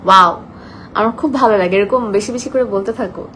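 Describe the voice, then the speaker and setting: A soft-spoken young woman chatting casually on a live stream, reading out viewer comments and mixing English into her talk. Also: mid-range voice, normal speed, a little hiss or hum, low-quality recording.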